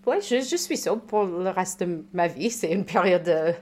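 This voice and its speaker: American woman, soft hesitant testimony. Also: lowish voice, expressive, normal speed. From United States. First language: English. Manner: hesitant, many restarts and fillers. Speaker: guest. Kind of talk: personal testimony in conversation.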